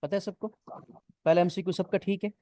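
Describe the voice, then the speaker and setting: A man's voice: sits high, fairly even intonation, fairly quick, warm tone, dry recording. Man teaching grammar, dry sound. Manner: explains step by step, checks often if students follow. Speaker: English teacher. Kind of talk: online class explanation.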